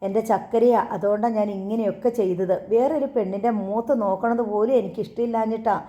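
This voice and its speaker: A woman's voice: mid-range voice, fairly even intonation, quick pace, dark tone, muffled recording, natural voice. A woman voicing a jealous, childlike young wife who is volatile and tearful, pleading and wailing her accusations, in a storybook reading.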